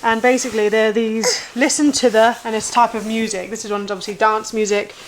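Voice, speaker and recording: A woman's voice: a little high, steady tone, a little fast, background noise. A woman, a mum of two, rambling through her day in a casual vlog with lots of "like". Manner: rambling, chatty, fillers of "like". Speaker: vlogger mum.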